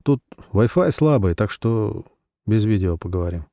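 A man voicing a calm, firm husband who speaks softly but steadily. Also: fairly low pitch, moderate pace, dry recording, clean studio sound. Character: calm, weary man in debt, middle-aged.

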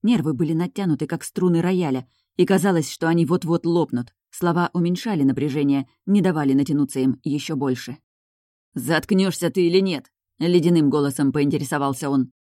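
A woman reading an audiobook in a calm, measured narrating voice. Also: low-pitched, dry recording, studio quality. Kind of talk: scripted narration.

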